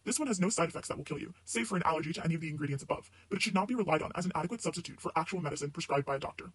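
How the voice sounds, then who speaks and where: A man's voice: fairly high pitch, rapid-fire, fairly bright tone, breathy edge, dry recording, rough recording. A man playing a matter-of-fact disclaimer announcer in a parody pharmaceutical ad, rattling off warnings from a script. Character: brisk male drug-commercial disclaimer announcer listing dangers.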